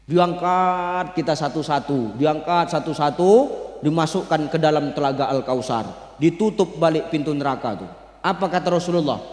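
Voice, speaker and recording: Funny preacher guy, high voice, super echoey hall. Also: normal speed. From North Sumatra. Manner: lively, joking, addresses officials in the crowd. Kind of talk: comic storytelling sermon.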